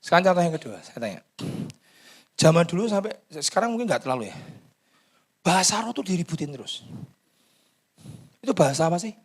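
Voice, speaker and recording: A pastor delivering a charismatic sermon, swinging from shouted pleading to hushed whispers. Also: male voice, high voice, big pitch swings, a little fast, long pauses, slightly rough.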